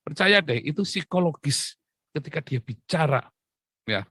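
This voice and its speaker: A man's voice: on the high side, expressive, moderate pace, bright, forceful tone, slightly rough, dry recording. Male preacher, playful and chatty, acts out voices, recorded dry. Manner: jokey, acts out dialogues, laughs often. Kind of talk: humorous sermon.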